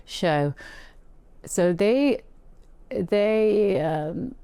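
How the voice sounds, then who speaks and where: A woman being interviewed, speaking reflectively in a casual conversation, with frequent restarts and soft laughs. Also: medium pitch, expressive, very slow, clear, resonant tone, no echo. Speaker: interview guest.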